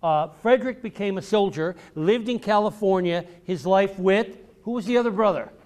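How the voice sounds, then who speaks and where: This man's voice sits high with a darkish tone and a moderate pace. As a visiting author in a public library room, he gives children an educational talk, addressing them directly and going back over questions and key phrases.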